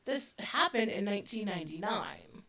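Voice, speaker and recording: A woman in her forties co-hosts a casual true-crime podcast, chatting loosely and leaning on plenty of fillers. She sounds animated and a bit bright, medium in pitch and normal in speed, with her voice slightly distant from the mic.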